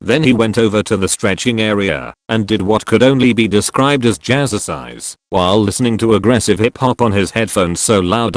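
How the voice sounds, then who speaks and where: A man narrating gym stories from online posts in a steady, matter-of-fact reading voice. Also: on the low side, no echo. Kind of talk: scripted narration.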